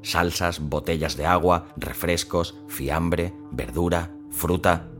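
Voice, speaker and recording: Deep-voiced man narrating a suspense story. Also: takes it slowly, soft background music. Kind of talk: first-person story narration.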